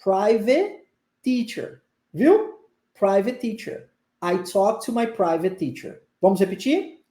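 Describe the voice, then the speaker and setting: A man's voice: high voice, lively intonation, slow, warm tone, reverberant. A man with a Brazilian Portuguese accent gives a live online English pronunciation lesson, coaxing his viewers and drilling phrases through repetition. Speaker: English teacher.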